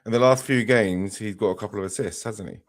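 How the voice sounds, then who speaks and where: A man's voice: fairly low pitch, quick pace, crowd noise. A man on a casual football podcast, arguing his point stubbornly. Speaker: podcast panelist.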